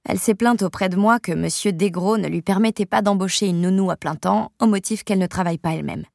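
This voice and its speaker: A woman narrating a novel in the first person with an even, storytelling delivery. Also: mid-range voice, quick pace, creaky, dry recording, clean studio sound. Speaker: audiobook narrator.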